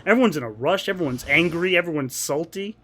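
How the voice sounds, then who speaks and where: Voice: mid-range voice, lively intonation, quick pace. A streamer giving casual, sardonic, sweary commentary while playing and reading out a video game. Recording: game music behind the voice.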